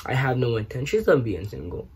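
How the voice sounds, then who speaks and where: A young man from New York, raised partly in Trinidad, answering questions in a casual vlog, animated and joking with lots of slang. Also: mid-range voice, brisk, slightly rough. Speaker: YouTuber. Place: small bedroom, indoors.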